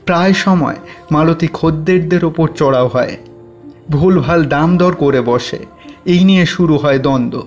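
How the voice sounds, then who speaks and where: A male storyteller reading a village horror audio story in a dramatic, measured delivery. His voice sits somewhat high for a man, with faint music playing behind it. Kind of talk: scripted horror story narration.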